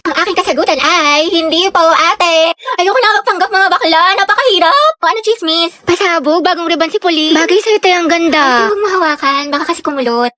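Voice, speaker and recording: Woman, very high pitch, sassy chatty skit voice, dry close sound. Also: fairly quick, pushed and bright, dry recording. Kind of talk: comedic school skit.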